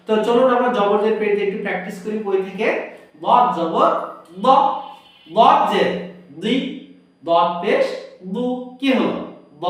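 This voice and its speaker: A man teaching Arabic letter pronunciation, explaining step by step and drawing out each sound slowly to demonstrate it. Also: high voice, distant mic. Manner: asks the viewer questions, then answers them himself. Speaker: Quran teacher. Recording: very echoey room, voice from off the mic.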